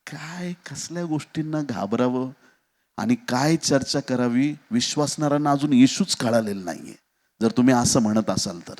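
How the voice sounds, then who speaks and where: A man preaching a sermon as pastor, dramatic, with sudden shouts and acted quotes. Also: medium pitch, moderate pace.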